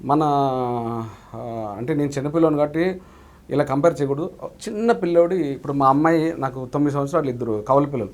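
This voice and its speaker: Male actor guest, earnest and polite, higher-pitched, keeps restarting his lines. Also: fast talker, pauses often, darkish tone. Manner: earnest, calls the host "sir" constantly, frequent restarts. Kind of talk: casual interview talk.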